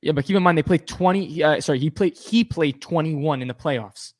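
A man's voice: fairly high pitch, a little fast, no room sound, clean studio sound. A man co-hosting a sports podcast, chatty and jokey in casual conversation. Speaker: podcast co-host.

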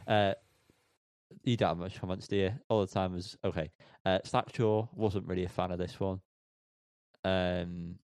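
A man's voice: low voice, a little mellow, clean tone, no room sound, clean studio sound. A man co-hosting a music podcast, joking around and tripping over band names. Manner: jokey, laughing, stumbles over names. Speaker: podcast co-host reviewing music. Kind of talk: casual chat.

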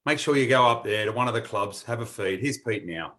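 A man's voice: mid-range voice, animated, brisk, fairly bright tone. A man with an Australian accent co-hosting a podcast, chatting and reading sponsor plugs in a casual, matey way. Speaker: podcast co-host. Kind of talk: casual presenting and sponsor reads.

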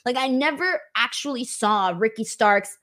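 A woman's voice: fairly high pitch, moderate pace, sharp tone. A woman hosting a live wrestling stream in a casual, informal way, peppering her talk with "like" and mild swearing.

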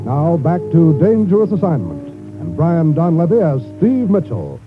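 A man's voice: fairly high pitch, wildly swooping pitch, unhurried, over loud music. An American man announcing in a formal, earnest, emphatic 1950s radio style, reading a scripted appeal. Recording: tinny, muffled 1950s radio recording.

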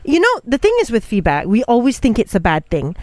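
Singaporean woman radio host, slightly high voice. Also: huge pitch swings, fairly quick, a little mellow. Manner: colloquial, with Singlish touches. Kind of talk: casual on-air chat.

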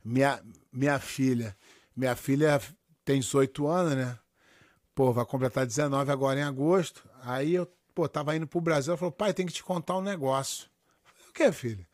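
A middle-aged man with a Brazilian accent, co-hosting a podcast, telling stories in a lively way, swearing freely and acting out the lines he quotes. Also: mid-range voice, a little fast, no room sound, clean studio sound. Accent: Brazilian Portuguese. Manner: animated storyteller, swears a lot, acts out quotes. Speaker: podcast co-host. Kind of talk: casual podcast banter.

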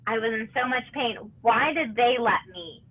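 A woman in her thirties, a former gymnast guest, talking haltingly with many restarts and sounding close to tears. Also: fairly high pitch, expressive, husky. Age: 30s. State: tearful. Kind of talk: emotional personal interview. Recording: tinny phone line.

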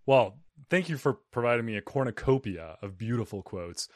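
A man's voice: mid-range voice, expressive, normal speed, no room sound, studio quality. A man hosting a podcast, joking playfully and reading out listener questions. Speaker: podcast host. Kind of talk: casual podcast chat.

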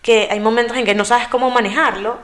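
A woman's voice: fairly high pitch, steady tone, brisk. Spanish-speaking mother giving parenting tips. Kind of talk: casual talk-show chat.

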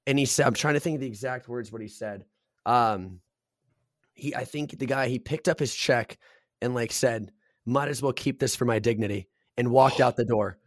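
A man's voice: medium pitch, normal speed, no room sound, clean studio sound. A man hosting a podcast, telling bar stories in casual chat and swearing freely. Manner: swears freely, excitable storytelling. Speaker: podcast host.

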